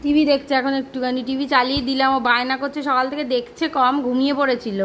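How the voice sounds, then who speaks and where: A woman from Kolkata talks casually to her camera at home. Her voice is hoarse and a little high, and her rambling, weary talk sounds fretful. Faint noise sits behind her. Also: level tone, fast, fairly bright tone. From Kolkata, West Bengal. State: hoarse, sore throat. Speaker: vlogger, mother of a baby. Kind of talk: casual home vlog chat. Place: home indoors.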